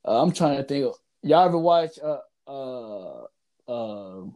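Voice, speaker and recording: Slangy podcast dude chatting about old movies, voice swings up and down, cracks up a lot. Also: male voice, medium pitch, unhurried. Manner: loud laughing, slangy, animated. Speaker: podcast co-host. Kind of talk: casual chat.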